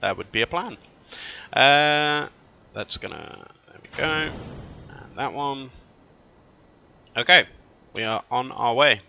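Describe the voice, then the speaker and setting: A man's voice: mid-range voice, slow pace, gravelly, long pauses, bright, forceful tone. A man giving casual let's-play commentary, thinking aloud as he plays and often correcting himself mid-sentence. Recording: dull lo-fi recording.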